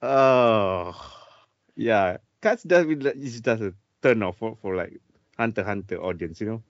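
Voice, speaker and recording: A man co-hosting a casual podcast, talking in halting bursts, repeating himself and laughing often. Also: on the low side, expressive, no room sound. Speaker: podcast co-host. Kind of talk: casual chat. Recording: dry, dull lo-fi sound.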